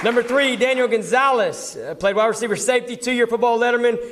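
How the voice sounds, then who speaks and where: At an award ceremony, a man speaking as a football coach informally reads a roster to the crowd. His voice is very high-pitched and fairly quick, and the live recording picks up crowd noise and clear background noise.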